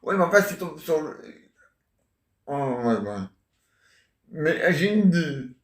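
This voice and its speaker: Man with a slightly high voice, slow and halting, playfully acts out comedy scenes, heard from a distance. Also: lively intonation. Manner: halting, full of restarts, playful. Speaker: theatre amateur. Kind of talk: retelling and acting out a stage comedy. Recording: roomy sound from a distant mic.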